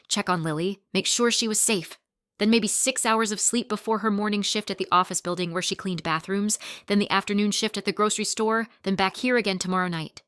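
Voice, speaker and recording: Even-toned woman storyteller, dry sound. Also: medium pitch, dry recording. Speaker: narrator. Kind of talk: scripted story narration.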